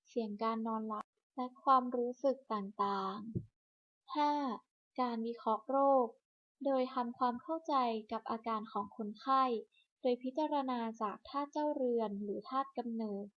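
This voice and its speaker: A woman reading a scripted hospital clinic announcement over a public address system, in a measured, list-by-list delivery. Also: a little high. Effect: broadcast over a hospital public address system. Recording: muffled lo-fi loudspeaker broadcast.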